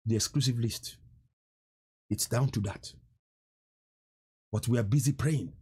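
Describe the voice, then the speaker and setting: A man's voice: medium pitch, measured pace, a little mellow, husky. A man in his fifties hosting a live stream, making an impassioned, pleading appeal to his viewers, often repeating himself and stammering when moved. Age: 50s.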